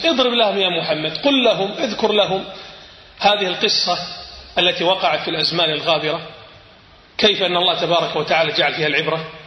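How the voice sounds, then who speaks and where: A man's voice: high-pitched, sharp tone. Preacher man in an echoey hall. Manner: explanatory, with pauses to correct recitation. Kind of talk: sermon.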